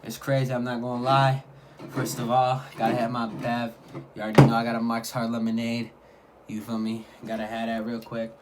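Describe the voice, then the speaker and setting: Slangy man chatting over clear background noise. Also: mid-range voice. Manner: slangy, repetitive hype. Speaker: mukbang vlogger. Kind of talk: casual food vlog chat. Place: at home. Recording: clearly noisy home recording.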